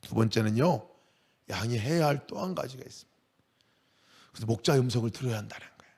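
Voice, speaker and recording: A middle-aged male pastor preaching a sermon, shifting between quiet explanation and loud, emphatic cries. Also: mid-range voice, quick pace, slightly rough. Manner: emphatic, swings from quiet asides to raised cries.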